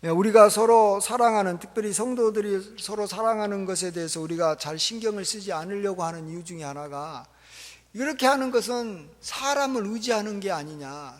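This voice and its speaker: A man preaching a sermon as pastor, animated, acting out parents and a crying child. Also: sits high, moderate pace. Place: church sanctuary. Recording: long church reverb.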